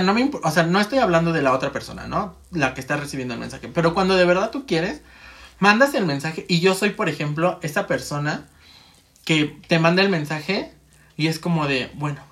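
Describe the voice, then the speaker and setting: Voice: mid-range voice, animated, brisk, a bit bright. Chatty speaker. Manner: rambling, acts out inner monologue, laughs often. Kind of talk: casual chat.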